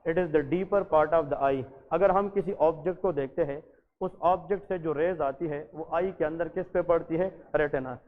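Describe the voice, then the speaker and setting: A man's voice: fairly high pitch, normal speed. A man teaching medicine in an exam-focused lecture, mixing English terms into his speech and putting questions to the class that he answers himself. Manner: addresses listeners as janab. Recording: tinny, phone-like audio with a long reverb.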